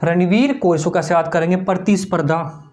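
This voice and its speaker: A man's voice: high voice, normal speed, darkish tone. A man of teaching exam memory tricks, repeating each answer as a question-and-answer drill while writing on a board. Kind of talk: mnemonic tricks lesson.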